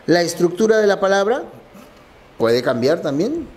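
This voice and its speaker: A man's voice: high-pitched, very animated, moderate pace, a little mellow, a little hiss or hum. A man teaching a language lesson, explaining exam answers step by step.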